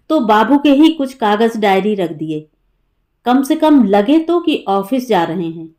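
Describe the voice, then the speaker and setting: A woman narrating an audiobook story in a measured, expressive way. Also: fairly high pitch. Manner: slow and measured.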